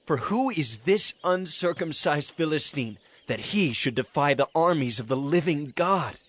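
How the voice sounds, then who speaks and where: An actor playing a bold, defiant young shepherd of strong faith in an earnest, declamatory audio scripture drama. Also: male voice, a little high, expressive, unhurried, a bit bright.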